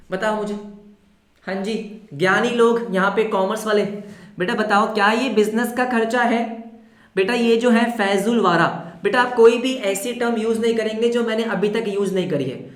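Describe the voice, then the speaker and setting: Lively male accounting teacher, roomy sound. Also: high-pitched. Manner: lively, quizzes students and answers in their voice; mixes English terms into Hindi. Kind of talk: live online class lecture. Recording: roomy echo.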